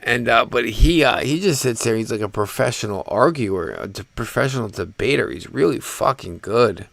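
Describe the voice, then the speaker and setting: A man from the United States hosting a live stream, talking in a relaxed, halting, rambling way about the news. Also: mid-range voice, gravelly. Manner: laid-back, halting and rambling. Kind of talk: casual political chat.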